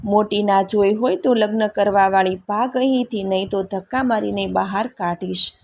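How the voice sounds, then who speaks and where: A woman storyteller voicing a proud king who mocks a beggar woman, with a gravelly voice. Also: medium pitch, steady tone, moderate pace, a little mellow. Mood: mocking. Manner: scornful, teasing. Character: proud mocking man, a king.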